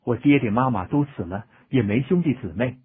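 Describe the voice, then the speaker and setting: A man reading as an earnest, gentle young man. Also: medium pitch, expressive, brisk, husky. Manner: sincere and gentle. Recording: tinny phone-like audio.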